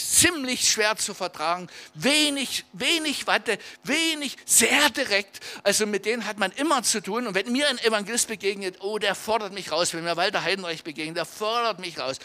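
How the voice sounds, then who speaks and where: A man preaching a sermon as pastor, lively and emphatic, often asking his listeners directly whether they follow him. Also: high-pitched, brisk, hardly any pauses. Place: church service in a meeting centre.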